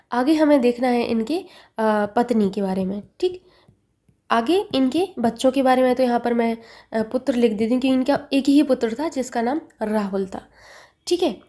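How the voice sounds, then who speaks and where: A woman teaches an exam-prep lesson with a warm, mellow tone and a fairly high pitch. She asks a short question, answers it herself, and repeats the key word so it sticks. She talks close to the mic.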